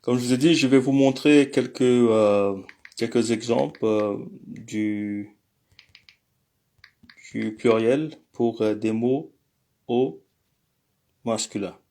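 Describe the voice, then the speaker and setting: A man teaching a language lesson online, talking in a halting way with many fillers and restarts. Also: mid-range voice, a little mellow. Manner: apologetic about technical glitches.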